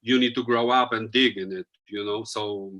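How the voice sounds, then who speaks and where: A Polish DJ, a man appearing as a guest in a casual interview, thinks aloud loosely with many fillers and a Polish accent. His lowish voice is steady and sharp, at normal speed, and the audio sounds dull.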